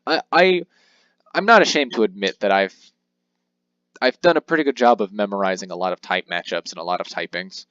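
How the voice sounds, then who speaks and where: This let's play host is a young man with a fairly low, slightly bright voice who talks a little fast. He casually rambles about the handheld game he's playing, making self-deprecating jokes and reading its text aloud in voices. The recording is dry and sounds dull.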